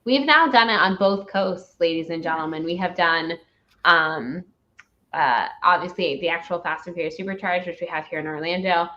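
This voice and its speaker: A woman's voice: on the low side, moderate pace, pushed and bright. A woman rambling emphatically and with opinions in a casual, ranting film review chat, as a host. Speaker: host of a movie review show. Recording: dull lo-fi recording.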